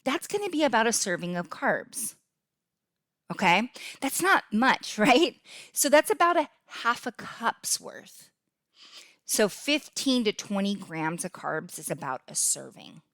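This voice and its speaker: A woman's voice: mid-range voice, big pitch swings, a little slow, fairly bright tone, no echo. Casual fitness podcast lady, upbeat and chatty, keeps saying okay, dry close mic. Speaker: podcast host and fitness coach.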